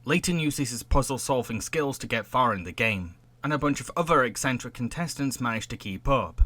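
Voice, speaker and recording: A young adult man with a medium-pitched, fairly bright voice hosts a film discussion podcast, talking through plots and opinions and partly reading out a plot summary.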